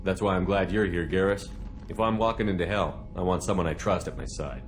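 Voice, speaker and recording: A man's voice: sits low, a little fast, faint music behind, natural voice. An actor playing an assured, direct male military commander in a video game. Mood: calm, assured.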